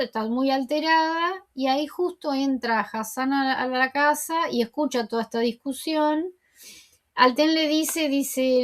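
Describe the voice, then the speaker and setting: A woman host casually retelling a TV episode, chatty and conversational, with frequent asides. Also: high voice. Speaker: TV series recap host.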